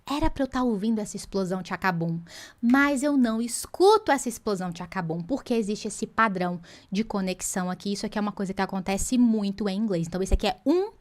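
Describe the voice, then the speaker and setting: A Portuguese-speaking woman teaching an online English lesson, lively and playful, slowing phrases down to show them. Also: mid-range voice.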